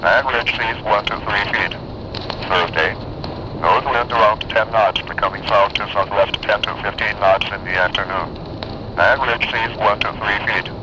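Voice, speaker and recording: A man's voice: fairly low pitch, steady tone, moderate pace. A synthesized male announcer reading weather and marine forecasts, heard over a weather radio. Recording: noisy radio reception with hiss.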